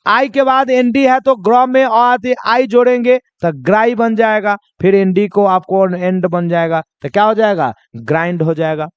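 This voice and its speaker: A very high-pitched male teacher leads his class through pronunciation drills, asking each question aloud and then answering it himself. His voice is smooth and clear. The recording is dry and a little dull. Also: normal speed, hardly any pauses, dry recording. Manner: repeats questions and answers them himself, coaxing; addresses students as children. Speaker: English teacher. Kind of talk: spoken English lesson.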